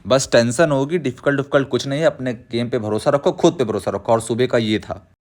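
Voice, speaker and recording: A man's voice: mid-range voice, brisk, a little mellow. A young man chatting casually over gameplay, sharing tips in an advice-giving way with frequent restarts. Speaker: mobile gaming creator.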